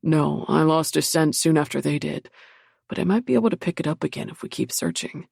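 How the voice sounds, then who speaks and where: A woman's voice: low-pitched, brisk, gravelly, a little mellow, husky, no room sound, studio quality, heavily acted. A woman voicing a blunt, determined young man in an audiobook, speaking curtly.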